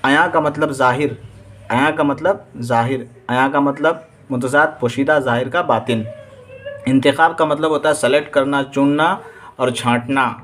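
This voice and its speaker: A man's voice: medium pitch, fairly even intonation, fairly bright tone, slight background noise. A man with an Indian Urdu accent teaching exam vocabulary. He reads each word with its meaning, repeats it and quizzes his students.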